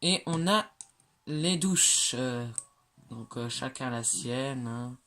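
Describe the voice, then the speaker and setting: Here the game creator takes it slowly, using a mid-range, somewhat bright voice to narrate a walkthrough of their builds. The talk is casual and hesitant, with lots of fillers and self-corrections, and they make light of their own flubs in a chatty way.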